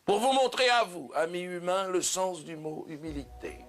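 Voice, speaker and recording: Guy doing judas all solemn and self-important, slow grand speech, bit high and gravelly. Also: animated, roomy sound. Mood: grandiose. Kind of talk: mock-solemn stage monologue.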